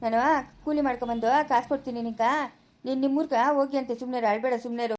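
A woman's voice: a little high, fairly even intonation, racing, close to an everyday voice. A woman playing a kindly, motherly village laborer who soothes and consoles in rural Chikkaballapur Kannada. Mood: consoling. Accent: Kannada, Chikkaballapur rural dialect. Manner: soothing and consoling, repeats hush phrases. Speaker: poor day laborer who shelters a lost girl. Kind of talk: village family skit.

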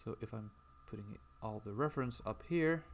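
A man's voice: lowish voice, fairly quick. A man streaming casually as he draws, rambling and chatting while reading out viewer messages. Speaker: livestreamer.

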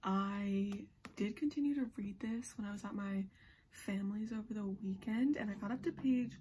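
A woman's voice: medium pitch, moderate pace, dark tone, slight background noise. A woman vlogger chatting casually and gushing to her viewers, with plenty of likes and ums. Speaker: book vlogger. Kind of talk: casual chat.

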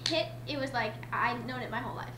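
A woman's voice: a little high, fast talker, sharp tone, slight background noise. A young woman, an actress, chatting in an interview with stumbling restarts. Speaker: actress interviewed about a play. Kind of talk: interview answer. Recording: echoey room with clear ambience.

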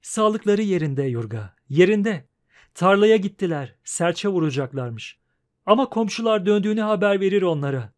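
A man voicing a gentle, anxious farmer's wife who speaks softly and pleadingly, in an audiobook. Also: high voice, animated, moderate pace. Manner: soft, pleading and coaxing.

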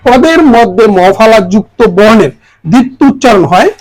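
A teacher walks students through a pronunciation rule. Each example word gets said twice, slowly and deliberately. The voice sits at an average pitch. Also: animated, darkish tone, rough recording. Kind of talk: grammar lesson.

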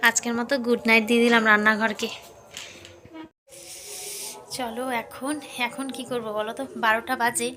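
A woman's voice: fairly high pitch, level tone, moderate pace, pauses often, bright, forceful tone, slight background noise. A woman vlogging casually on a handheld phone, chatting straight to her viewers as friends. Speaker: lifestyle vlogger. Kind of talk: casual vlog narration. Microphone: handheld phone camera.

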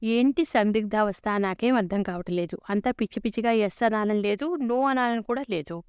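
A woman narrating a humorous story in the first person with wry, expressive delivery. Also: mid-range voice, a little fast, clear, resonant tone, no room sound, studio quality.

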